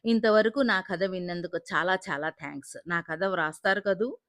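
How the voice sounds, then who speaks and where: A woman reading the part of a young married woman who speaks politely and softly. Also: fairly low pitch, normal speed, dry recording, studio quality, natural voice. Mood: gentle.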